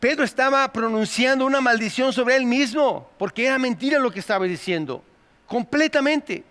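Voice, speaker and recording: A man's voice: extremely high pitch, moderate pace, fairly bright tone. A man with a Mexican accent preaching a sermon, calling his listeners "brother" and asking them rhetorical questions. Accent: Mexican Spanish. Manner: addresses the congregation as "hermano", rhetorical questions. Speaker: pastor. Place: church sanctuary. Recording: long hall reverb.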